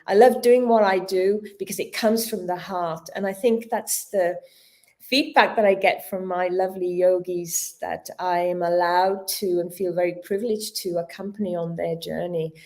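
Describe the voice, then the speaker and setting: A fairly low, darkish voice belongs to this woman in her fifties, a yoga teacher being interviewed casually as a guest. Her speech is a little clumsy because a dental injection numbed her mouth; she stumbles slightly and searches for words, earnest and reflective throughout.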